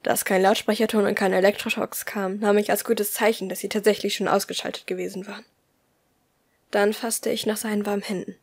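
A woman reading a first-person audiobook aloud in a soft, often hushed voice. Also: mid-range voice, little pitch movement, fairly quick, husky. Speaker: audiobook reader.

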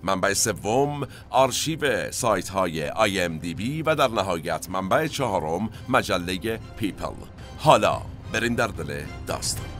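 A man's voice: low voice, animated, a bit bright, soft background music. A man hosting a cinema history podcast, telling stories in a conversational way with asides to his listeners. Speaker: podcast host.

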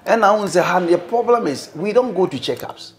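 A middle-aged Ghanaian man, a bishop, talking as an interview guest in a room, mixing English and Twi, animated and preacherly. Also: high voice, brisk. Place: indoor living room, seated on sofa.

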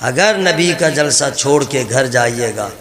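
A man preaching a lively, humorous sermon to a gathering, addressing the crowd directly. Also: mid-range voice, slow pace, reverberant.

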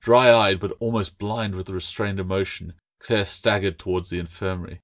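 A man, the author, reading his own fantasy novel aloud in steady, measured audiobook narration. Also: sits low.

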